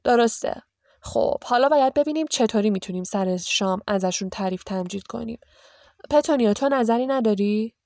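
A woman voicing a bossy, blustering middle-aged family man in an audiobook reading, giving orders loudly. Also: on the high side, no room sound, studio quality, close to an everyday voice. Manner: commanding, bossy.

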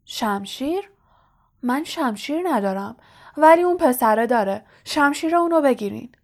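A woman's voice: high-pitched, lively intonation, pitched above the performer's own voice. Lockhart, a bewildered vain wizard, read by a woman. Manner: bewildered, vague. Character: vain, confused male wizard teacher who lost his memory.

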